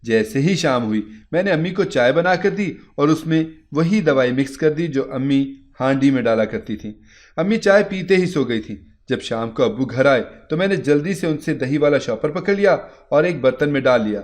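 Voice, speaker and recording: A man reading a first-person moral story in a steady, earnest narration. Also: a little high.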